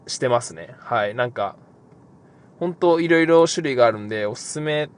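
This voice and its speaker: A young man, a pro basketball player who hosts a podcast, answers listener questions in a relaxed, rambling way with lots of fillers. His voice is mid-range and his pace moderate.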